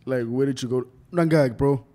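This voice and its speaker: A young man hosting a podcast, laid-back and slangy, talking casually on a desk mic in a dark studio. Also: medium pitch, normal speed. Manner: laid-back, slangy, calls guest dog. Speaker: podcast host. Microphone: desk mic on boom arm.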